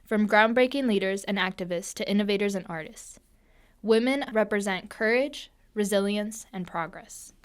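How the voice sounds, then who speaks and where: A woman's voice: medium pitch, normal speed, clear, resonant tone. Young woman reading a prepared statement.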